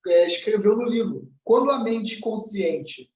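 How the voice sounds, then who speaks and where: A man's voice: sits high, animated, a little slow, a little mellow, far from the mic, a little hiss or hum. Man, commented-reading teacher, blunt and direct delivery, recorded off-mic in a roomy space. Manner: blunt and direct, acts out quoted voices. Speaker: teacher of self-knowledge. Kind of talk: commented book reading lesson.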